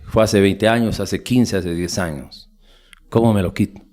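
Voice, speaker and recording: A man hosting a podcast interview, asking calm, measured questions. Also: deep voice. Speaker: podcast host.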